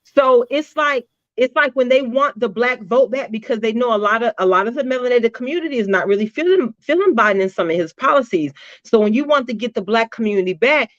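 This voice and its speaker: A woman co-hosting a casual political discussion show, laying out her arguments in a deliberate, opinionated way. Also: fairly high pitch, a bit bright, no room sound, lo-fi sound. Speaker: podcast co-host.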